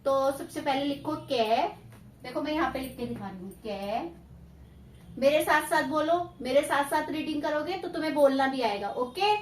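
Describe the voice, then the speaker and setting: A woman's voice: high voice, moderate pace, roomy sound, recorded from a distance, a little hiss or hum. A woman tuition teacher dictating spelling to children, stern yet coaxing, stretching out syllables as she dictates.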